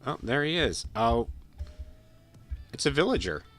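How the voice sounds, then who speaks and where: Very animated but a little slow, a medium-pitched, slightly bright male voice belongs to a sick, nasal-sounding livestreamer closing out a game stream. He chats casually with viewers, rambling, repeating words and restarting sentences, over soft background music.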